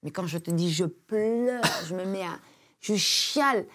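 With a lowish voice and a slightly slow delivery, this woman from Belgium shares an anecdote as a podcast guest. She's a comedian and a lively storyteller who performs the quotes of the people involved and laughs a lot.

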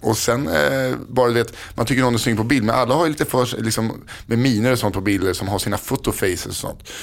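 A man's voice: medium pitch, creaky. A man in his thirties co-hosting a podcast, chatting casually with a joking, rambling, self-mocking manner. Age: 30s. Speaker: podcast co-host.

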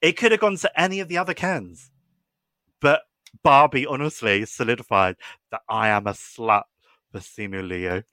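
A man's voice: medium pitch, normal speed, bright, forceful tone, no room sound. A young man, co-hosting a podcast and gushing in casual, filler-heavy chat. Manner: gushing, chatty, lots of fillers. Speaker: podcast co-host.

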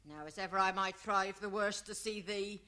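Brief: Mrs Noah, played by a man, shrill, piercing, mocking nag. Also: moderate pace, bright, forceful tone, clear, resonant tone. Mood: scornful. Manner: scolding, mocking. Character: shrewish stubborn old Mrs Noah. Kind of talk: old-style verse play.

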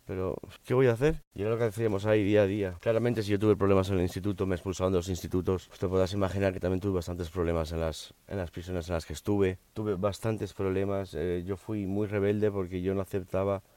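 A middle-aged man with a low-pitched voice tells his own story on a podcast. His Spanish carries a faint American-influenced accent, since English was his first language. He speaks frankly and repeats points for emphasis, and the dry, close sound has no room echo. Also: level tone, fast talker, hardly any pauses, mellow. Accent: slightly off Spanish, American-influenced. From Spain, raised in Miami. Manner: frank, conversational, with emphatic repetitions. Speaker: podcast host. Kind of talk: personal storytelling monologue.

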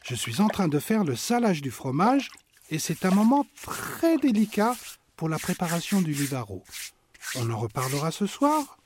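A man's voice: a little high, big pitch swings, moderate pace, background noise, pitched above the performer's own voice. A man voicing a busy, reassuring aunt who makes cheese, soothing and apologetic.

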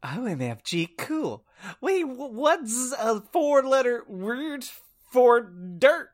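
A man voicing a whiny, whimpering emo young man in a very high, squeaky put-on voice, for a comic reading. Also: big pitch swings, takes it slowly, exaggerated voice.

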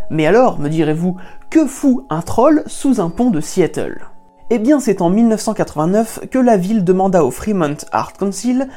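Video host, playful scripted narration, warm tone. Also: mid-range voice.

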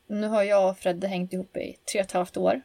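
Gravelly-voiced woman co-host. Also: medium pitch, level tone, mellow, dry recording. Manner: self-deprecating, easygoing. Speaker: podcast co-host. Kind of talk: casual chat.

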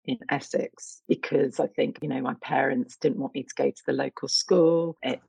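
Casting: middle-aged East London woman, gravelly and husky, reflective conversational storyteller. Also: a bass voice, fairly even intonation, moderate pace, darkish tone, no echo, poor audio. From East London, England. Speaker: interviewed artist.

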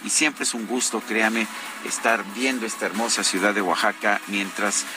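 A man hosting a morning news broadcast from an improvised booth on an open-air terrace, reading the news in a relaxed, conversational way. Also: fairly low pitch, moderate pace. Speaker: radio news host. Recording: outdoor broadcast with traffic noise. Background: street and vehicle noise.

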